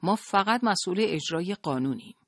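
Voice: medium pitch, lively intonation, dry recording, voice pushed up. An audiobook narrator voicing a male police interrogator who questions with feigned, cool politeness, in a dry booth sound. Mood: stern. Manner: coolly polite, pressing. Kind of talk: audiobook character voice.

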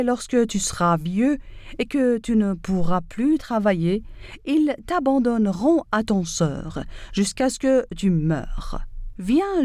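A woman's voice: fairly high pitch, warm tone, no echo, clean studio sound. A woman voicing a sly, scheming male fox from a fable, coaxing and persuasive in manner.

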